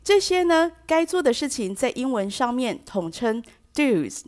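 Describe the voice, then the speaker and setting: A woman's voice: a little high, sing-song, unhurried, a little mellow. A woman hosting a bilingual English lesson who explains patiently and drops English phrases into her talk. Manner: acts out example sentences with shifting stress. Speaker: language teacher host.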